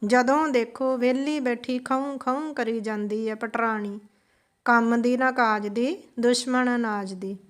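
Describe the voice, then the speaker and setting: A woman voicing a quarrelsome young mother who scolds and nags in a slightly high voice. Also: fairly even intonation, unhurried, natural voice. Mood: scolding. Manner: scolding, nagging. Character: scornful young mother, sharp-tongued, quarrelsome.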